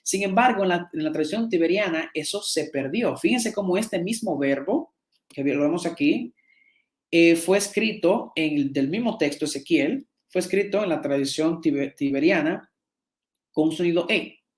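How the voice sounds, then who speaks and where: A man's voice: on the high side, normal speed. A man teaching a seminar, explaining slides and often repeating and restarting words as he checks in with his listeners. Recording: echoey room.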